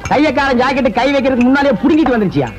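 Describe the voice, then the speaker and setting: An exasperated, scolding shopkeeper. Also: male voice, extremely high pitch, lively intonation, racing, over music. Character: grumbling shopkeeper man, scolding. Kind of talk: Tamil film comedy dialogue.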